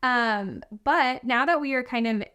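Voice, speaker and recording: A woman's voice: fairly high pitch, unhurried, sharp tone, clean tone. A woman in her thirties co-hosting a podcast, chatting casually with many fillers and easy laughs. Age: 30s. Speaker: podcast co-host.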